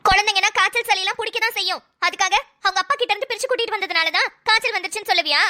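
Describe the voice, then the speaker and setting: A woman's voice: very high voice, rapid-fire, bright, forceful tone. A woman voicing a sassy young mother in a cartoon, who argues in a snappy, defensive way. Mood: argumentative. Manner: snappy, argumentative. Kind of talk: cartoon voice acting.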